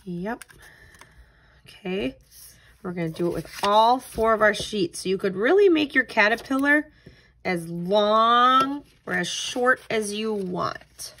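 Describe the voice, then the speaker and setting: Speaking slowly and expressively in a mid-range, slightly bright voice, a woman tutor reads a picture book and guides young children through a craft step by step. Slight background noise can be heard.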